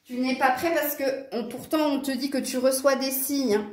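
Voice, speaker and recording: A chatty woman with a southern French accent reads tarot cards for her viewers, giggling often and talking to them directly. Her voice sits a little high. The room around her gives it a clear echo. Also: fairly even intonation, normal speed, a little hiss or hum. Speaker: tarot card reader. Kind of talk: casual tarot reading for viewers.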